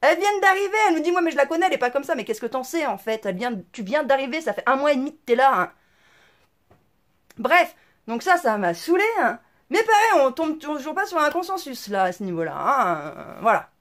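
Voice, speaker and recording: A woman's voice: high voice, very animated, brisk. A middle-aged woman telling a story to her viewers in a casual rant, indignant and blunt, with crude slang and lots of fillers. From France. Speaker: vlogger.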